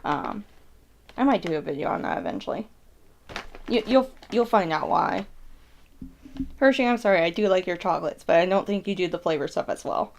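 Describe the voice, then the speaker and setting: A woman's voice: fairly low pitch, normal speed, creaky, pauses often, a little hiss or hum. A woman hosting a casual snack-tasting vlog, rambling as she thinks aloud and corrects herself mid-thought. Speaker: mukbang host reviewing snacks. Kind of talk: casual vlog chat to viewers.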